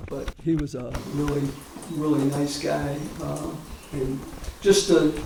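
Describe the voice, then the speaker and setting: An American war veteran in his seventies reminisces informally at a public talk, rambling and halting with frequent pauses. His voice sits on the high side with a level tone, recorded on a distant mic in an echoey space with clear background noise.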